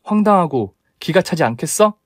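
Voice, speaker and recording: A man's voice: on the high side, big pitch swings, normal speed, no room sound, studio quality, pitched above the performer's own voice. A man playing an indignant young bride. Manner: scolding, demanding.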